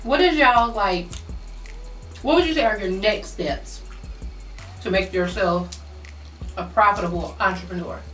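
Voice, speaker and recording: A woman's voice: mid-range voice, measured pace, pauses often, a bit bright. A woman in casual conversation, chewing while talking. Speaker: mukbang co-host. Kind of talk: casual chat. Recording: echoey room, distant mic, faint music.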